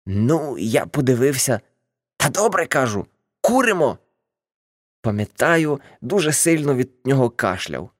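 Brief: woman voicing older male ex-hippie, boastful, rambling, animated delivery, dry studio read. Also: rumbling low, unhurried, no room sound, full character voice.

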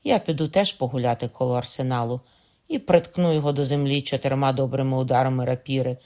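A male reader putting on a loyal young soldier in a spoken storybook, blunt and resolute, sworn to revenge. The voice sits in a middle register, firm rather than loud. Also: mid-range voice, quick pace, close to an everyday voice.

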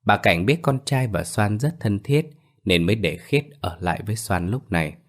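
Deep low male storyteller, steady scripted read. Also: normal speed. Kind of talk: scripted narration of a ghost story.

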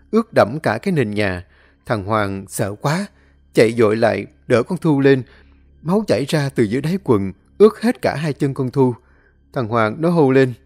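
A man narrating a dramatic story. His delivery is expressive and lively, with a wide swing in pitch, and soft music plays behind him. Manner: expressive, acting out scenes.

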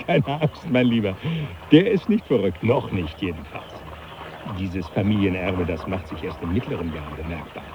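An actor playing a jovial, teasing professor who laughs often, in a radio play. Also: male voice, low-pitched, expressive, moderate pace, muffled recording. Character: jovial older male professor, mocking. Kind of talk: 1980s radio play acting.

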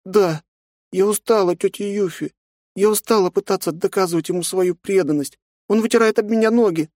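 A hurt teenage girl with a high, tearful, pleading voice, as a male audiobook narrator puts her on. She is read from a storybook in a dry, close recording with no room sound. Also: fairly quick, darkish tone, no echo, close to an everyday voice. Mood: upset.

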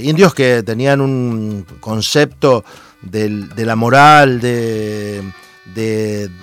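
A lower-voiced Argentine man hosting a radio talk program, halting and full of fillers as he gathers his thoughts. Faint music plays underneath. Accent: Argentine Spanish. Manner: hesitant, many fillers and restarts. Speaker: radio show host.

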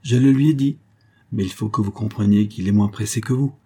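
Calm gentleman go-between, read by a male narrator, measured, dark and husky. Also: fairly low pitch.

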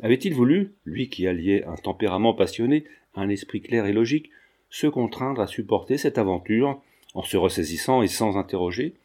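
A man narrating a literary novel as an audiobook, in a measured storytelling manner. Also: on the low side, lively intonation, warm tone. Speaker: audiobook reader.

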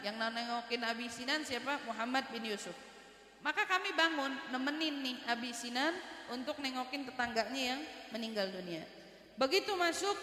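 A high, bright-voiced woman teaches an Islamic study lecture, weaving Arabic quotations into a lively story. She moves between loud urgent stretches and hushed ones. Her voice rings through a large room with a long, echoing reverb. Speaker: religious teacher. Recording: echoey hall with long reverb.

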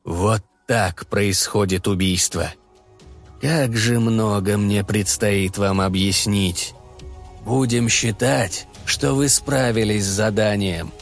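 A man voicing a weary, scornful male mentor who speaks in a slow, croaking drawl. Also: fairly low pitch, soft background music. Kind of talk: audiobook character voice.

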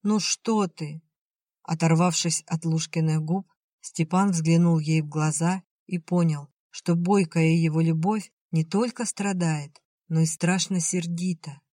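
A man's voice: on the high side, steady tone, unhurried, warm tone, no echo. Man narrating a story, dry close sound. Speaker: audiobook reader. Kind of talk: scripted narration.

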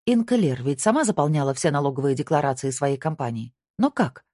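A woman voicing a sharp young female agent who presses her point with quick questions. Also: low voice, lively intonation, no echo, clean studio sound. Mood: insistent.

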